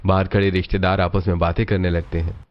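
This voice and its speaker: Low male storybook narrator, lo-fi. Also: level tone, brisk. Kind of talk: scripted narration.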